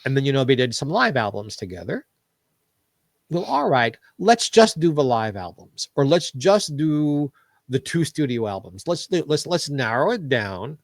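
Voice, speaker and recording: A man talking as a podcast guest in a casual interview, animated and opinionated as he tells stories. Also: mid-range voice, moderate pace, no echo, clean studio sound. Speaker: podcast guest, show business historian.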